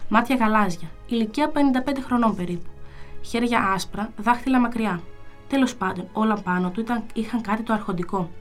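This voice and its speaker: A woman reading a first-person story aloud in a calm, measured storytelling manner. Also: a little high. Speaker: reader.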